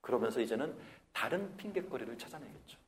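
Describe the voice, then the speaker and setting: A man preaching a Sunday sermon as pastor of a Korean church, acting out complaints in a raised voice between calmer stretches. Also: mid-range voice, fast talker. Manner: animated preaching, acts out whiny complaints in a raised voice.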